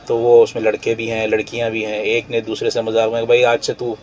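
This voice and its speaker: A man's voice: on the low side, monotone, a little mellow. A man, a religious scholar on a radio show, patiently explaining rulings step by step with everyday examples. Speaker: Islamic scholar guest.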